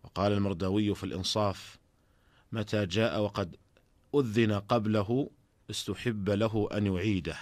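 A man, an Islamic scholar, teaching jurisprudence in a formal radio lesson, reading in a measured, deliberate way from a studio microphone. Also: lowish voice, fairly even intonation, a little mellow, no room sound.

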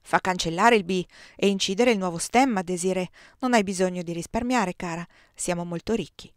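A woman's voice: fairly low pitch, a little fast, no room sound, lightly acted. Brief: soldier-prince, fond but used to giving orders, read plainly by a woman, dry sound. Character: man, soldier-prince, warm and teasing to his wife.

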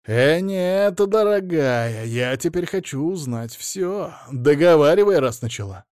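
A man reading as a smooth-talking greedy ex-husband. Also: on the high side, expressive, takes it slowly, darkish tone, no room sound, clean studio sound, pitched above the performer's own voice. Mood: wheedling. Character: scheming greedy ex-husband, middle-aged man.

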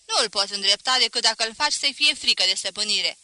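Woman reader doing a big loud lout of a man, bright sharp voice, declaiming to a crowd. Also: medium pitch, dry recording. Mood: fervent. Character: burly loudmouthed man urging harsh rule.

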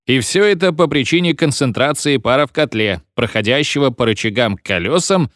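A man voicing a pompous, bossy old professor who lectures and shouts orders at his class. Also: mid-range voice, animated, brisk, no room sound, clean studio sound, lightly acted. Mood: lecturing. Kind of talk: audiobook reading.

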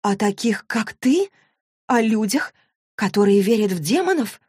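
A woman voicing a stubborn, sharp-tongued teenage girl in an audiobook, pitching up and speaking emphatically. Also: expressive, a little slow, breathy edge, no echo, clean studio sound. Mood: sarcastic, defiant. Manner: pitched higher than the narration, emphatic. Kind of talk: audiobook character voice.

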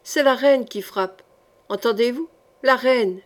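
A woman's voice: a little high, slow. A woman doing a grim, ironic servant woman. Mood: cold. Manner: dry, mournful irony.

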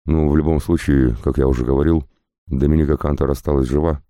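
A man's voice: very deep voice, steady tone, quick pace, dark tone, dry recording, studio quality. A man doing a sly mercenary starship captain. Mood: calm. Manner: sly, mocking. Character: mocking, seasoned male starship captain, a mercenary.

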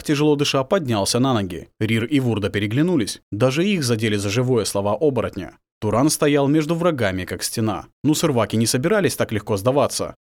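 A man narrating a fantasy audiobook with a dramatic, expressive reading. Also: medium pitch.

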